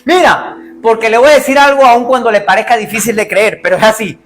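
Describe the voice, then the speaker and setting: A man preaching a lively sermon, calling out to the congregation and acting out the cries of the blind men. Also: very high voice, fairly quick, rough recording. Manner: animated, calls out to congregation, acts out biblical cries. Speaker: pastor.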